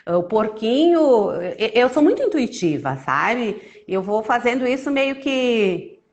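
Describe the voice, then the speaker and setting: A woman storyteller who tells a children's tale with lively, expressive intonation, then chats casually with frequent restarts. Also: fairly high pitch, slow pace, highs cut off. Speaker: storyteller guest.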